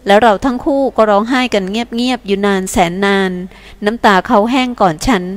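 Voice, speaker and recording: A woman's voice: mid-range voice, a little fast. A woman narrating a novel in the first person for an audiobook, with emotional storytelling.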